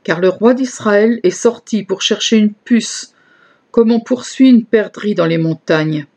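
A woman's voice: medium pitch, unhurried, darkish tone. A woman voicing an earnest young male leader in a scripture reading, solemn and pleading.

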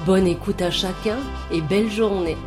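A woman giving a scripted daily devotional reading in a slow, measured, solemn manner. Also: mid-range voice, over music. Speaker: devotional reader.

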